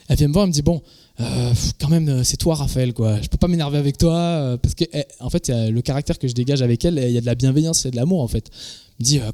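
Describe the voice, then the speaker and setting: A man's voice: on the high side, a little mellow. A man, a pastor, preaching a sermon in a conversational, informal way, often repeating words as he searches for phrasing. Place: church.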